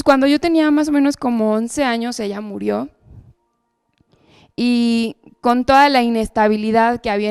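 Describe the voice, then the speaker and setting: Woman with a gravelly, fairly high voice. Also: a little mellow, no room sound. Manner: earnest storytelling with frequent tag questions. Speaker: church speaker giving testimony. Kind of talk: personal testimony.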